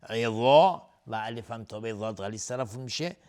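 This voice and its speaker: A man teaching Quran recitation rules, explaining each point plainly and stopping now and then to chant words slowly and louder. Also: mid-range voice, clear, resonant tone. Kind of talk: tajweed lesson with chanted recitation.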